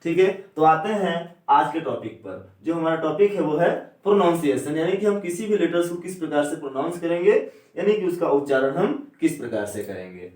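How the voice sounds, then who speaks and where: A man teaching an English pronunciation lesson. He keeps asking questions and answering them himself, and he slows down to spell out vowel sounds. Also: a little high, animated, a little mellow. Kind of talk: classroom lecture. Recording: echoey room, a bit far from the mic.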